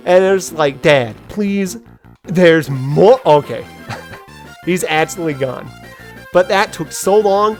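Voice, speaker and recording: With a mid-range voice, this gaming video host drifts from gameplay commentary into personal stories, rambling, hesitating and quoting asides along the way. Music from the game runs in the background.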